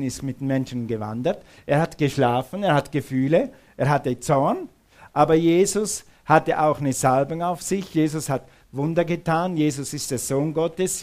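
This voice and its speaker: A man's voice: fairly high pitch, darkish tone. A middle-aged man preaching a sermon, emphatic, repeating questions to his listeners.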